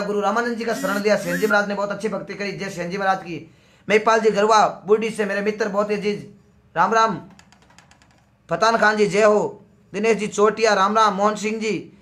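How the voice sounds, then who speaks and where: A man with a high, fairly bright voice and a sore, strained throat hosts a live stream. He reads out viewer comments and greets viewers by name one after another.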